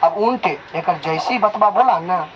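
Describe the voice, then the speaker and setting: A man's voice: sits high, animated, unhurried. A young man teaching a class in Hindi with a Bihari accent, retelling a story and checking often that the students follow. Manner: conversational, keeps checking with the class. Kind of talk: storytelling lesson retelling a chapter. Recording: slightly dull, faint noise.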